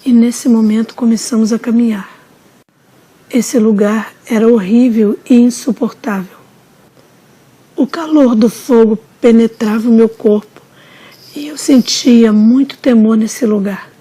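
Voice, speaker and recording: A woman narrating a religious testimony in a solemn, measured storytelling manner. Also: on the high side, mellow, breathy edge. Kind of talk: slow dramatic testimony narration.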